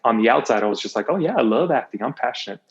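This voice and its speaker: An animated man with a medium-pitched voice speaks very fast as a podcast interview guest, drawing on his past as an athlete and coach. He tells personal stories openly, repeats phrases for emphasis, and performs quotes. The high frequencies are missing from the audio.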